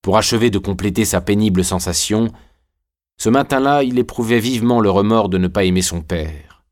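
A man narrating a classic novel as an audiobook, in a measured, literary way. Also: fairly low pitch, darkish tone.

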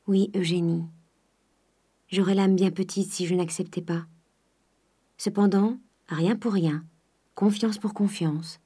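A woman reading the part of a proud, ruined young gentleman, in a measured and formal way. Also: mid-range voice, fairly even intonation, husky. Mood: earnest.

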